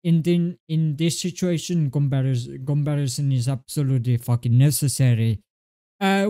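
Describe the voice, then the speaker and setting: A young man with an Estonian accent ranting to his webcam, exasperated and swearing, with halting restarts. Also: high voice, darkish tone. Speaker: gaming video creator. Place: small indoor room at a desk. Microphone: webcam close up.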